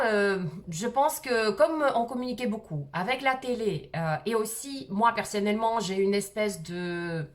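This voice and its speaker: A middle-aged woman from Russia with a slight Russian accent, telling a personal story to camera in a hesitant way with many fillers. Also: mid-range voice. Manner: hesitant, frequent "euh" fillers. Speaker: vlogger.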